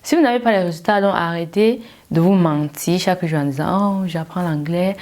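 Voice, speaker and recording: A woman with a fairly low voice talks straight to her viewers as a language coach. She delivers a motivational lecture, driving her points home with emphatic, pointed rhetorical questions. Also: expressive, a little fast, darkish tone. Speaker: English learning coach.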